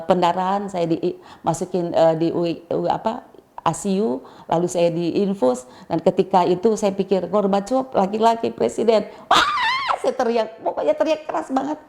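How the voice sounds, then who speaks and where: Animated woman telling her testimony. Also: mid-range voice, moderate pace, creaky. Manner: animated storytelling, acting out voices of others. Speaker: speaker giving a testimony. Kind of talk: spoken testimony to a congregation.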